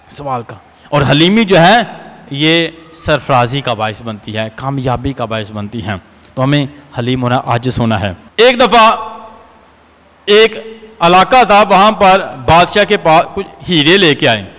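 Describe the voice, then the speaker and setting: A man in his thirties with a Pakistani Punjabi accent preaches an emphatic sermon as a priest, repeating phrases for effect, speaking into a gooseneck microphone at the pulpit of a large church. His voice is on the high side and a bit bright, echoing through the reverberant hall.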